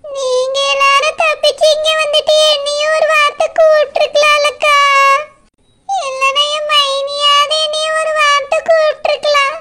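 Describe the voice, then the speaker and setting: A woman's voice: extremely high pitch, little pitch movement, moderate pace, sharp tone, pitched above the performer's own voice. A woman doing a shaky, frightened young village mother. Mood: frightened, tearful. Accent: Tirunelveli Tamil. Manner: tearful, pleading, breathless telling.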